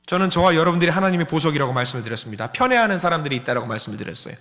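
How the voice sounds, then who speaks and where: A man's voice: on the high side, lively intonation, rapid-fire, a bit bright. A male pastor preaching a sermon, telling a story with acted dialogue and questions to the congregation. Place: church sanctuary. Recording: long church hall reverb.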